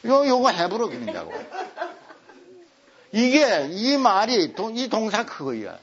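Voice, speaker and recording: A man's voice: high-pitched, huge pitch swings, a little slow, fairly bright tone. An older man giving a lecture, repeating words for emphasis. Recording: dull lo-fi recording.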